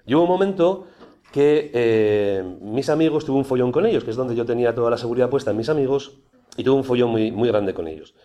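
A man giving a personal testimony to an audience, speaking in a conversational, animated way. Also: medium pitch, a little fast. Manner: conversational, animated, with many restarts.

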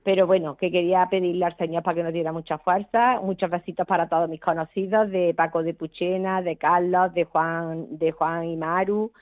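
A woman's voice: fairly low pitch, level tone, fairly quick, hardly any pauses, no echo. A middle-aged woman with an Andalusian accent chatting casually as a phone-in caller, effusive, affectionate and rambling, over a narrow phone line. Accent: Andalusian Spanish. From Córdoba, southern Spain.

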